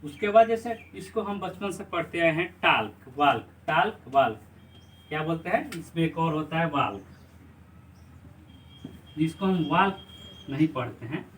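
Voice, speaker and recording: A man gives an English pronunciation lesson in Hindi, spelling letters slowly and quizzing his viewers. His voice sits slightly high. He is picked up from a short distance from the mic, with faint noise underneath. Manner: repetitive quiz-style questions, slow spelled-out letters. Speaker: English teacher.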